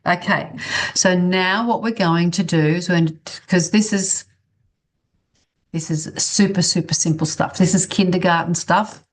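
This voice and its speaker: A woman with a slightly low voice teaches a bodywork class online. She guides simple exercises in an informal, conversational way, encouraging participants as she checks how they are doing. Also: measured pace. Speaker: workshop instructor in bodywork. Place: online video-call class.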